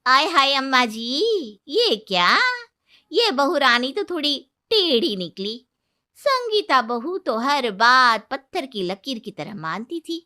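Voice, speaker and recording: A woman's voice: high voice, very animated, slow pace, sharp tone, voice pushed up, exaggerated voice. A woman voicing a gossipy, mocking female housemaid in a storybook cartoon.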